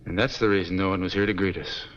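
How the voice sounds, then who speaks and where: An actor playing a proud, protective mining lawyer and husband who speaks with impassioned tenderness. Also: male voice, low-pitched, steady tone, quick pace, a bit bright. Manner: impassioned, tender toward his wife. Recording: dull 1950s TV soundtrack with music.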